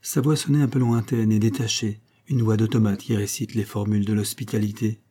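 A man narrating a novel in an audiobook with measured, literary storytelling. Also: on the low side, level tone, mellow, breathy edge.

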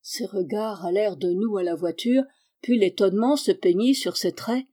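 A woman narrating a classic story for an audiobook. Her reading is measured and even. Her voice is warm and mellow. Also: medium pitch. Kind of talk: scripted narration.

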